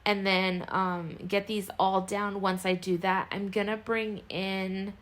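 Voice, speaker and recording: A woman's voice: medium pitch, little pitch movement, slow pace, a bit bright. A woman with a mid-range voice narrates a craft tutorial in a casual, chatty way. She explains things step by step and is modest about her own skill. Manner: chatty, explanatory, self-deprecating. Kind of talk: casual scrapbooking voice-over walkthrough.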